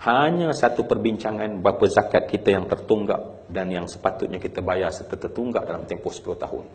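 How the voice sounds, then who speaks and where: A man with a Malaysian Malay accent preaching a sermon through a story, swinging from hushed telling to emotional crying out. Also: on the low side, fairly quick.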